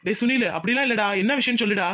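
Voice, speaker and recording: A man voicing a tender, devoted young husband in an animated village cartoon, with a fond, reassuring way of talking. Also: extremely high pitch, rapid-fire, no echo, studio quality.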